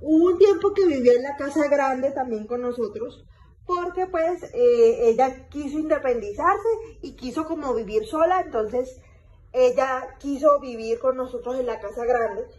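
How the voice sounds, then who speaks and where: Playing a pregnant vampire mom for her vlog, this young woman tells what happened in a chatty way, full of fillers and repeats. She speaks at normal speed in a high, slightly mellow voice, and the audio sounds dull.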